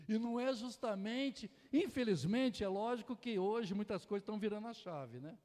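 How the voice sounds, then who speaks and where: A man preaching a sermon in a church, shifting from soft asides to loud, impassioned exhortation. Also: high voice, normal speed. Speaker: pastor. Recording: echoey church hall.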